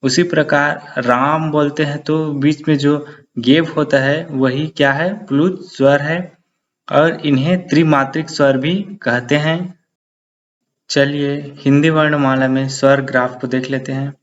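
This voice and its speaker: A man's voice: on the high side, fairly even intonation, a little slow, lo-fi sound. A man teaching a grammar lesson, repeating each definition and often calling his viewers friends.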